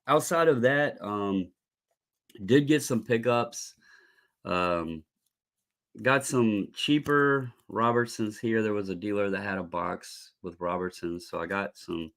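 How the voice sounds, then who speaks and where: A man with a scratchy, sore-throat voice hosting a live stream, rambling conversationally through casual hobby stories. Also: lowish voice.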